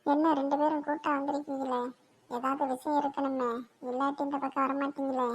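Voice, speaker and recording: A woman's voice: high-pitched, little pitch movement, brisk, slight background noise, natural voice. A woman voicing a fussy, scolding elderly grandmother in a cartoon. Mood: grumbling. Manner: scolding, grumbling. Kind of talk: cartoon voice acting.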